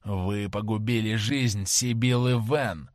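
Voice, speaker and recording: A man reading a vengeful young sailor in an audiobook, speaking slowly and heavily. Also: on the low side, steady tone, no echo, clean studio sound. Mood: menacing. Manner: slow, heavy and menacing. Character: vengeful rough young sailor, grim and threatening.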